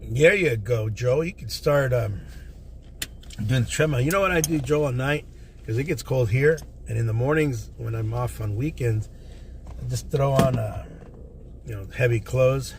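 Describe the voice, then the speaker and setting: A man vlogging to livestream viewers while driving, rambling and greeting chat viewers by name. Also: medium pitch. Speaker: vlogger, teacher. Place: inside a car. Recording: car interior with road noise. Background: car and traffic noise.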